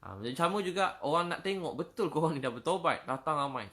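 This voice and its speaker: A middle-aged man with a Malaysian Malay accent giving a sermon, telling stories in lively casual speech and dropping to a soft pleading voice for prayers. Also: fairly high pitch. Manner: quotes verses in slow Arabic, then tells stories in lively casual speech; drops to a soft, pleading voice when voicing prayers. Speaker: preacher. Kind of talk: sermon storytelling.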